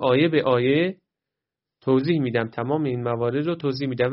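A man teaching Quran recitation rules step by step, patiently explaining each sound and modelling the slow, drawn-out readings. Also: mid-range voice, muffled recording. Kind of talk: tajweed lesson.

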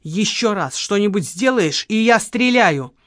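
A woman's voice: mid-range voice, lively intonation, unhurried, fairly bright tone, no room sound, clean studio sound. A woman reading an audiobook, voicing a cold young woman with a gun who gives curt, harsh orders. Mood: cold commanding. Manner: curt, commanding.

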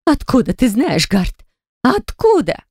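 A woman's voice: very animated, normal speed, darkish tone, no echo, clean studio sound. A woman reading an audiobook and voicing a haughty, hysterical dragon woman who snarls and shrieks at her brother's mate. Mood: hysterical fury. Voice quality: shrill, hissing and snarling.

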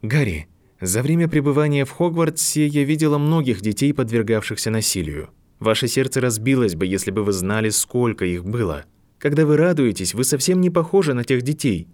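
A man reading an audiobook, voicing a composed older woman professor who speaks softly and sympathetically. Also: medium pitch, animated, pitched above the performer's own voice, close to an everyday voice. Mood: gentle. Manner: soft, sympathetic, measured. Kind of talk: audiobook narration.

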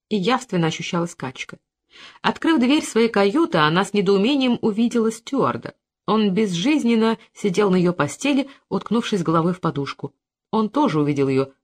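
An audiobook narrator reading a literary novel in an even, measured storytelling manner. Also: mid-range voice.

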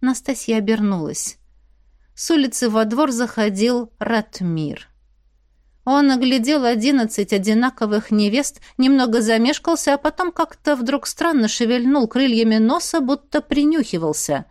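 A woman reading a fairy-tale audiobook in an even storytelling manner. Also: a little high, normal speed, dry recording, studio quality. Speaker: audiobook narrator. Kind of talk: scripted narration.

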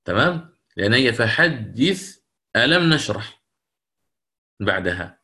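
Bright, forceful, and very animated, this middle-aged man's mid-range voice carries an online lecture on Quran recitation rules with recited examples. He works through the rules step by step, breaking off to check comprehension and field questions from his students.

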